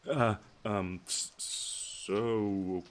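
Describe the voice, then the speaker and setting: In an intimate audio roleplay, a male actor voices a lovesick, obsessive young man speaking to his best friend. His low, slow voice keeps stumbling over stammers and nervous giggles, the intonation fairly even and the mood awkward and hinting.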